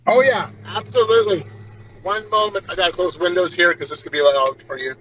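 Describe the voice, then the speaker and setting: A man reporting live from the field answers an interviewer informally in a high, bit-bright voice, speaking a little fast. The remote call sound is dull and lo-fi, with a little hiss or hum.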